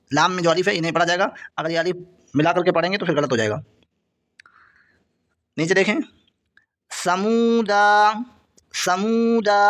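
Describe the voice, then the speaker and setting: A man teaching Quran reading, drawing out each example word slowly and then explaining it quickly and repetitively. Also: high-pitched, a bit bright. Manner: reads example words slowly and drawn out, then explains rapidly; repetitive, patient step-by-step pointing. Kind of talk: explaining a lesson.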